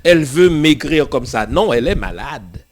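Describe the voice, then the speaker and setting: A man's voice: on the high side, lively intonation, moderate pace. A man, a pastor and host, giving an emphatic sermon-like talk with rhetorical questions and frequent chuckles. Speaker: pastor and theologian hosting a show.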